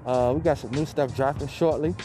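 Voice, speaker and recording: This podcast host speaks briskly with a mid-range voice and fairly even intonation. On his casual motivational show he curses and says things twice for emphasis, his words a bit muffled by the face mask he wears at a close mic, while music runs underneath.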